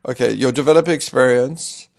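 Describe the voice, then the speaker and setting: A man's voice: medium pitch, a little fast, vocal fry, darkish tone. A man hosting a casual technical discussion, thinking aloud with restarts and some teasing.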